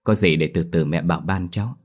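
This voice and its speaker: A man's voice: deep voice, quick pace. A man voicing a stern old grandmother. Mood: calm. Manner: scolding, firm.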